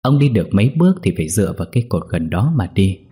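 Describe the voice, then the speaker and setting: A man narrating a ghost story in an expressive storytelling way. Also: deep voice, rapid-fire, husky.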